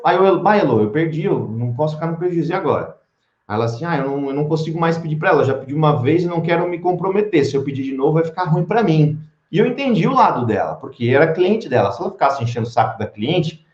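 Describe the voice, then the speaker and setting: A man, a veterinarian, teaching business lessons in a chatty, animated storytelling way. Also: medium pitch. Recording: roomy lo-fi recording.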